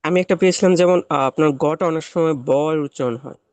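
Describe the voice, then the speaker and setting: A male student, speaking in a halting way and pausing to find his words. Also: on the high side, steady tone, darkish tone, clear, resonant tone, no room sound. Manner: halting, hesitant, searching for words.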